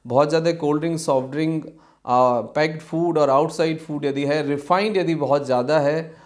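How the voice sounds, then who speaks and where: A man in his forties speaks as a physician, recorded at desk distance in a small clinic office. His voice sits a little high for a man. He explains things in an unhurried way, with frequent filler sounds and English medical words. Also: fairly even intonation, a little mellow. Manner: explanatory, unhurried, many fillers, mixes English terms into Hindi. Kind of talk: health education talk to camera.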